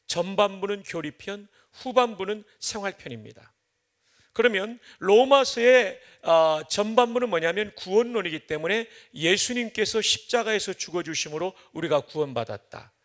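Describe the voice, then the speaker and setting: A male pastor from Chungcheong delivers a dawn revival sermon in church. His voice sits a bit high and has a gravelly, rough edge. He trades folksy, joking stories for emphatic teaching. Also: animated, normal speed, fairly bright tone. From Chungcheong, Korea. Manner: folksy joking storyteller, then emphatic preaching. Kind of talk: early-morning revival sermon.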